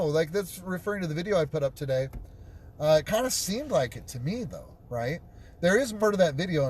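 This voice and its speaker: Man, in-car talk show host, casual, stumbly restarts, slightly high voice, faint hiss. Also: a little mellow. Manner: repeats words and restarts often. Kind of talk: casual live-stream chat, reading viewer comments. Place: inside a car, driving.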